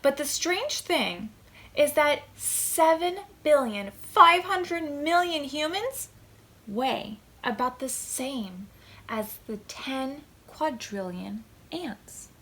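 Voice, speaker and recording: A woman whose voice sits high reads a picture book to little ones at a preschool storytime, taking care to make her phrasing slow and expressive.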